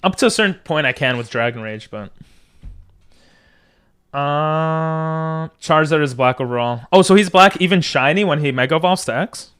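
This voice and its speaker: A man's voice: a little high, animated, fast, few pauses, a bit bright, soft background music. A man streaming a video game, chatting casually and drifting between asides as he talks to viewers. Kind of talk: casual livestream gaming chat.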